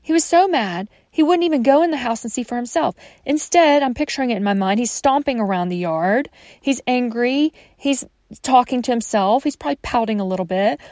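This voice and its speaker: A woman leads a devotional Bible study in a fairly high voice, recorded close and dry. She tells the story with feeling and sometimes drops to a soft hush. She talks straight to the listener as a friend. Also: fairly quick, no room sound. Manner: warm direct address to the listener as friend; expressive storytelling, dropping at times to a soft hush. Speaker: Bible teacher.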